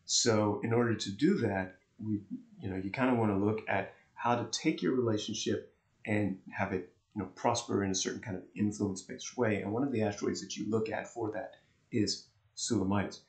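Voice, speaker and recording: A man on the low side of the pitch range co-hosts an astrology chat, covering charts fairly quickly with fairly even intonation. He keeps things friendly and laughs easily, recorded in a warm indoor space with an echo.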